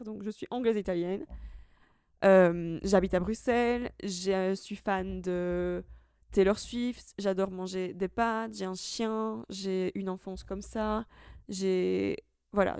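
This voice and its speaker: A woman's voice: mid-range voice, a little mellow, smooth, dry recording, clean studio sound. A woman in her twenties, from Italy, hosting a solo podcast and musing in a chatty, reflective way with casual slang. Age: 20s. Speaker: podcast host.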